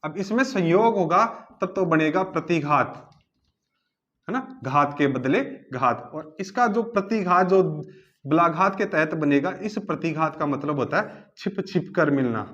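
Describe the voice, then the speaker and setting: A man teaching a grammar lesson who asks rhetorical questions and spells words out slowly, piece by piece. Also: a little high, animated, a bit bright, highs cut off. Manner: asks the class rhetorical questions then answers.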